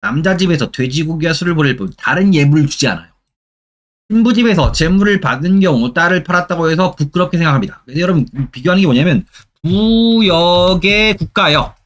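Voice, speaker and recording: A man's voice: a little high, expressive, a little fast, fairly bright tone. A middle-aged man lecturing for exam preparation, constantly asking rhetorical questions and repeating key terms for emphasis. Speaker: history lecturer.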